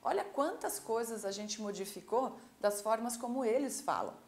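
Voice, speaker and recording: A Brazilian woman with a Brazilian Portuguese accent teaching an English class, slowly modeling phrases and checking in with her students. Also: fairly high pitch, reverberant. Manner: lively, drawn-out model pronunciation with teacherly check-ins. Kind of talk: online classroom lesson.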